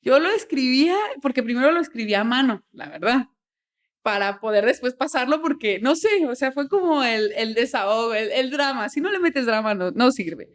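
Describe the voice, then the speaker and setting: A woman guest on a podcast, telling her story in a casual, animated way and acting out bits of dialogue. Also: on the high side, normal speed. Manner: animated storyteller, quotes dialogue, frequent "o sea", laughs often. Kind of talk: casual interview chat.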